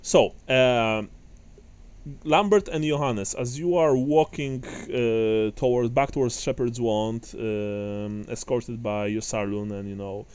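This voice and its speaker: Man, game master, rambling narration, mid pitch. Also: slow, a little mellow, clean tone. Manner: rambling, many fillers and restarts, chuckling.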